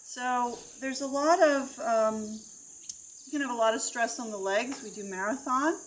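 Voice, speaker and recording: A woman introducing her horse at an outdoor clinic, chatty and a little halting, recorded by a distant camera. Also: fairly high pitch, slight background noise. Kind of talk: casual introduction.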